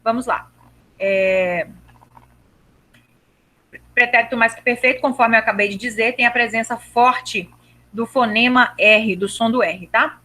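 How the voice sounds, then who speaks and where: A woman teaching a live online grammar lesson over a video call, patient, repeating herself and checking that her students understood, and drawing out verb endings slowly. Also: on the high side, bright, forceful tone. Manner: slows down to stress verb endings.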